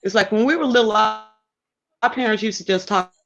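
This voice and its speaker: A woman's voice: medium pitch, a little fast. Woman on a crackly, dropping call line. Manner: emphatic, rambling with restarts. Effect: crackly, dropping remote call line. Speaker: call-in guest. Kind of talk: casual talk show discussion. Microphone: remote call. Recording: dull lo-fi call audio.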